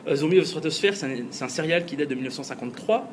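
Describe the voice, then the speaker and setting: High-voiced guy hosting a podcast, eager, a bit of hiss behind. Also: rapid-fire. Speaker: podcast host. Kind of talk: casual chat.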